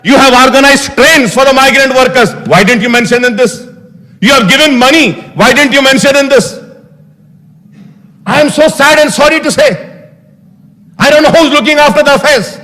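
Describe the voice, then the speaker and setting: A man's voice: very high-pitched, pushed and bright. A man with an Indian English accent giving an emphatic floor speech in a legislative assembly, piling up rhetorical questions. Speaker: opposition legislator. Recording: reverberant assembly hall.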